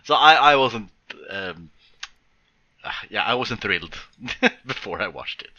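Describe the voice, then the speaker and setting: A man's voice: on the low side, lively intonation, unhurried, muffled recording, noisy background. A man co-hosting a podcast in a casual, hesitant way, often restarting and breaking up his sentences. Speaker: podcast co-host. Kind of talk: casual film discussion.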